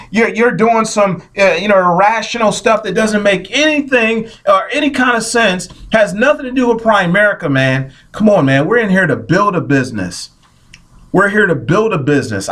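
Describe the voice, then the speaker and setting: A man giving an energetic motivational talk, repeating himself often and dropping "man" and "see" into his sentences. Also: high voice. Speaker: motivational speaker.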